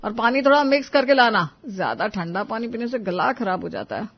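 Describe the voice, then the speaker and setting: A sharp-tongued older mother-in-law in a cartoon moral tale, forever scolding and taunting. Her voice sits fairly high, and the audio is muffled and a bit lo-fi. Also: lively intonation, brisk. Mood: bossy. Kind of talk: animated story voice acting.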